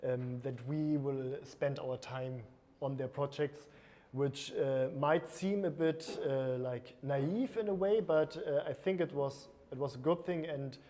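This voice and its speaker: A man's voice: mid-range voice, a little slow, mellow. A man who is a creative director and agency co-owner, speaking on a panel in a casual way, full of fillers like "like" and "uh". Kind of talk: panel talk. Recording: long hall reverb.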